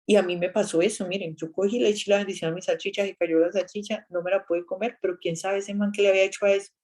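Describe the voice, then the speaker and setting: A woman's voice: medium pitch, fast. Chatty woman telling a faith story. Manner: chatty and animated, telling an anecdote with exclamations. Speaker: speaker giving a faith talk. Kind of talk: casual faith talk with storytelling.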